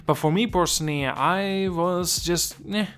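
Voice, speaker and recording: A man's voice: sits high, a little slow, a bit bright. A man from Estonia hosting a casual gaming video, rambling and restarting sentences while often asking whether he makes sense.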